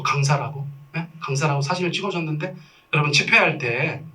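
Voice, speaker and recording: Bright-voiced pastor, animated and self-mocking. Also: male voice, a little high, distant mic. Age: 40s. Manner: animated storytelling with self-mocking humor and acted quotes. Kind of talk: sermon. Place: church sanctuary.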